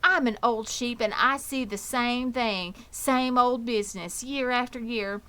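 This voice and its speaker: A woman's voice: on the high side, unhurried, sharp tone, clear, resonant tone, pitched above the performer's own voice. A woman voicing a grim, knowing old female sheep in a children's storybook, blunt and snappish. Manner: matter-of-fact, snappish. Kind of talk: children's storybook character reading.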